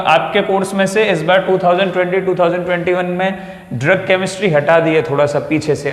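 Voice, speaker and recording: A man's voice: fairly high pitch, fairly bright tone. A male chemistry teacher giving a whiteboard lecture, repeating key terms and calling his students "beta" as he checks that they follow. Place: classroom or studio with a whiteboard. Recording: echoey room with long reverb.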